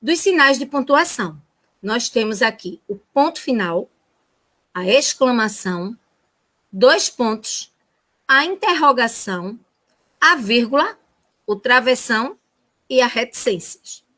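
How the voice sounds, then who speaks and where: A woman's voice: on the high side, animated, unhurried, pauses often, sharp tone. A Brazilian woman teacher giving a remote lesson to first graders in a sing-song, child-directed way. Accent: Brazilian Portuguese.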